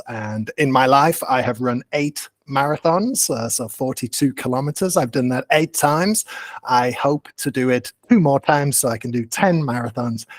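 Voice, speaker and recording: A man's voice: mid-range voice, no echo. Man, late 30s, teacher speaking plainly to learners over a dry call line. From England. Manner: friendly, clear and unhurried, simple wording for learners. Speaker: guest English teacher. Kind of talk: casual self-introduction on a video call.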